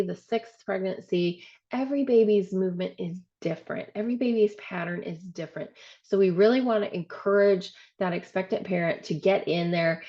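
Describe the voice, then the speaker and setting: A woman director giving a webinar training, explaining step by step with frequent "um" and "so", her voice showing some vocal fry. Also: mid-range voice, darkish tone, lo-fi sound. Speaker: program director presenting a training. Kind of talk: webinar presentation.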